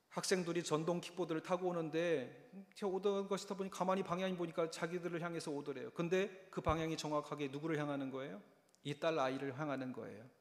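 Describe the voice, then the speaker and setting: A man preaching a sermon as a pastor, emphatic and speaking straight to the congregation. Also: on the high side. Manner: emphatic, addressing the congregation directly. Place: church sanctuary. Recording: echoey church hall reverb.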